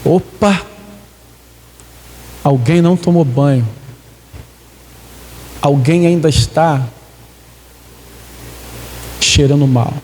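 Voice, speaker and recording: A man's voice: fairly high pitch, takes it slowly, long pauses, dark tone, long reverb tail. A man preaching a sermon, reading scripture aloud and explaining it to the congregation.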